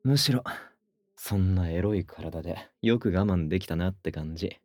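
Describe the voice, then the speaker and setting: A man doing a cocky, teasing young man, low husky whisper. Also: normal speed, a little mellow, dry recording. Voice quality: husky whisper close to the ear. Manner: taunting, smug, crude. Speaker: voice actor. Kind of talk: whispered ASMR audio drama.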